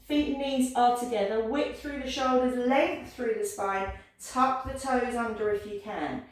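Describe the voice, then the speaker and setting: Leading a pilates class, a woman with a fairly high, unhurried voice gives calm, gentle, encouraging cues and counts down the holds out loud. She's occasionally a bit out of breath, and her voice carries from a distance in an echoey room.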